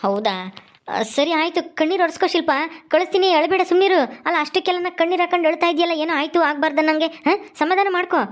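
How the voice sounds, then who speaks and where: A blunt village husband, voiced by a woman, firing off questions at top speed in a very high voice. His manner is brusque and matter-of-fact. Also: fast. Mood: questioning.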